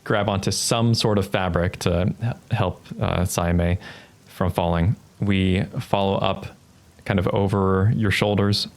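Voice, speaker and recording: A man with a deep, steady voice narrates a tabletop roleplaying game as game master, improvising scenes in a halting, thoughtful way.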